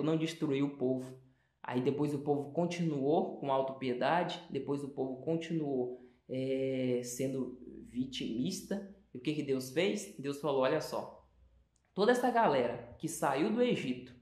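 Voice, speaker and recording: A Brazilian man preaching a sermon as pastor, emphatic and repetitive, often urging the listener to pay attention. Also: high voice. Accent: Brazilian Portuguese. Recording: echoey room.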